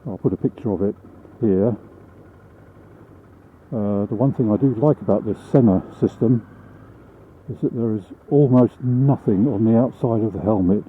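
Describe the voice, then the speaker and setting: A British man chatting casually as he rides a motorbike, vlogging from inside his helmet. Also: lowish voice. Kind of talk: casual vlog monologue while riding. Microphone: small microphone mounted inside the helmet. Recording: phone-like helmet microphone, clear vehicle noise. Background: vehicle and road noise.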